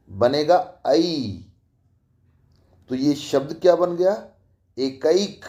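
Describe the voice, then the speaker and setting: A man's voice: mid-range voice, warm tone. A middle-aged man teaching a grammar lesson as a college teacher, repeating each example and asking questions as he goes. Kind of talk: grammar lecture.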